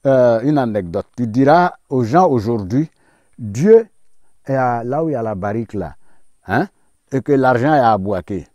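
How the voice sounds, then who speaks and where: A man's voice: medium pitch, animated, normal speed, a little mellow, no echo, lo-fi sound. A middle-aged man answering interview questions, hesitant with many fillers and restarts. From Ivory Coast. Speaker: park ranger and safari guide.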